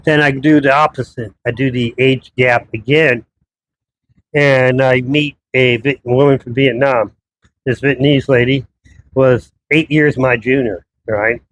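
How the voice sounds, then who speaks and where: A man's voice: medium pitch, fairly even intonation, measured pace, a bit bright, a little hiss or hum, rough recording. Rambling middle-aged man vlogging. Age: 50s. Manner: rambling, conversational storytelling. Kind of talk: casual personal monologue. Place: his townhouse abroad.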